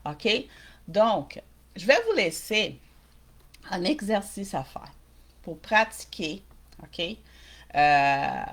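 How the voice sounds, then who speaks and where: Female coach with a mixed Québécois-Brazilian accent, live-stream workshop host, direct with viewers and checking in often. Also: medium pitch. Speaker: small-business coach.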